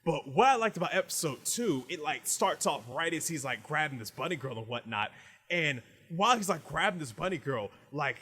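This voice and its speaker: A man's voice: a little high, expressive, fairly quick, a bit bright, breathy edge. A man hosting a casual podcast, rambling through a recap with "like" in nearly every phrase and frequent restarts. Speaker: podcast host reviewing anime.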